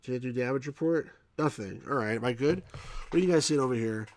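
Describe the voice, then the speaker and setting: A man's voice: mid-range voice, quick pace, no echo. A man from New York with a mild New York accent, casually commenting on a game as he plays, thinking aloud and answering chat. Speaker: game reviewer streaming. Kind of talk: casual live gameplay commentary.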